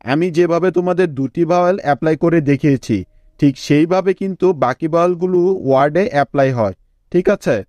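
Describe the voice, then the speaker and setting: A man with a Bangladeshi accent and a fairly high voice leads a phonics lesson, sounding out English words letter by letter and saying each one twice. The recording is dry and close, with no room sound around him. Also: darkish tone, no room sound. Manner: spells words letter by letter, repeats each word slowly; checks in with listeners often. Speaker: English teacher.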